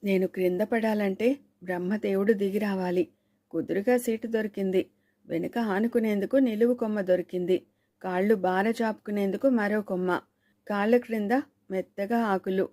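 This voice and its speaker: Woman audiobook narrator, measured suspenseful reading, warm mellow voice, dry close mic. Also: medium pitch, steady tone, dry recording. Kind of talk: scripted novel narration.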